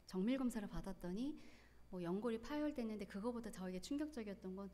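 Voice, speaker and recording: Warm, animated, and medium-pitched, this woman in her forties shares an emotional church testimony in a Gyeongsang accent. She's earnest and tearful, her feelings spilling out in quick bursts.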